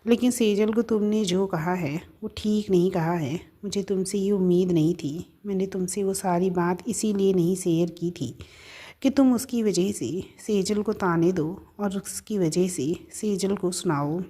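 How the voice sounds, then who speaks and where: A woman voicing a stern, angry young husband who scolds in sharp, clipped lines. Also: medium pitch, a little slow, breathy edge. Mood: reproachful.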